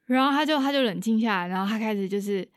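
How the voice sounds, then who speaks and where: A woman's voice: a little high, quick pace, no echo, studio quality. A young woman, a guest on an interview show, animatedly retelling an experience and acting out the dialogue. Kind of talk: casual storytelling in an interview.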